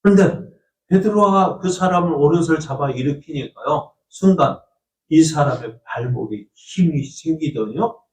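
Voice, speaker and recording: A man's voice: fairly high pitch, moderate pace. A male pastor preaching a storytelling sermon, asking the congregation questions and acting out the voices of people in the story. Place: church sanctuary. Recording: echoey church from a distant mic.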